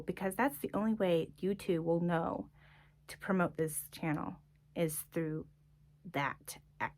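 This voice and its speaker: Earnest woman sharing her faith testimony. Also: lowish voice. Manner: earnest, unscripted, full of fillers. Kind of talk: casual testimony monologue.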